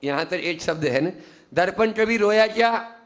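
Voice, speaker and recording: A man's voice: sits high, animated. A man, a Jain monk, giving a sermon at a teaching camp, asking his listeners questions and acting out little voices as he explains. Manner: teaching, asks the audience questions and acts out quick voices. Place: teaching camp hall with audience.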